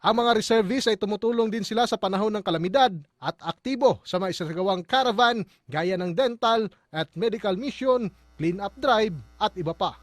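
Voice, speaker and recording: High-pitched Filipino man reporting the news. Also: brisk, dry recording, studio quality. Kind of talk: scripted news report narration.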